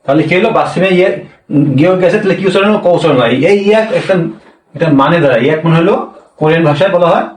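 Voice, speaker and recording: A man's voice: a little high, far from the mic. Patient man teaching a language lesson. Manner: slow, repeats each point, asks questions and answers them himself. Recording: roomy, from off the mic.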